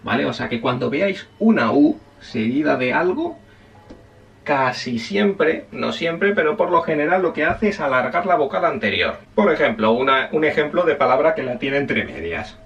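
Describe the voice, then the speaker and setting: A man's voice: fairly high pitch, lively intonation, moderate pace, creaky, a bit bright, far from the mic, highs cut off. A man teaching a casual spoken language lesson, chatty and self-correcting, often checking in with his listeners.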